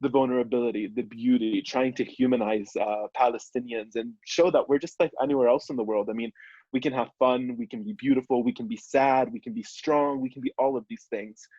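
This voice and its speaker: Young man, earnest and eager, mid-pitched, dry and muffled lo-fi sound. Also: fairly even intonation, fairly quick, warm tone, slightly rough, dry recording. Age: young adult. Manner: earnest, enthusiastic. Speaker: photojournalist, co-editor. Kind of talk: video call panel introduction.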